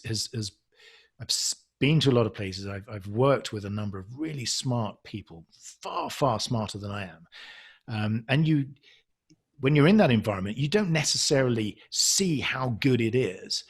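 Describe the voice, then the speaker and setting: A man's voice: fairly low pitch, breathy edge. A man from England, a podcast guest reflecting on his career in a hesitant, self-deprecating way, full of ums and restarts. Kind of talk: casual conversational interview.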